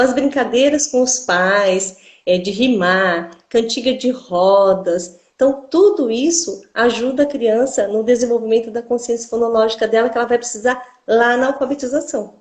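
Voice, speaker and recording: In an interview, a woman speech therapist with a Brazilian accent teaches as she explains, tacking "né?" onto many phrases. Her voice sits on the high side, a little mellow, at a normal speed, recorded in a roomy space.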